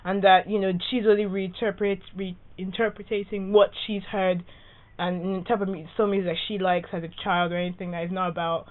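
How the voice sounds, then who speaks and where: A woman co-hosts a casual music podcast, recapping the week's news in a loose, chatty way full of fillers. Her voice sits mid-pitch and sounds narrow and phone-like. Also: level tone, brisk. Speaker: podcast co-host.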